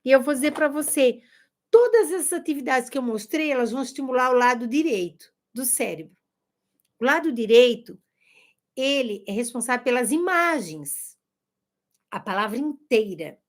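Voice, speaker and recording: A woman's voice: high-pitched, animated, moderate pace. A woman giving a casual video lesson to teachers, demonstrating games to the camera and sounding out words. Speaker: teacher and educator. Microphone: camera facing her.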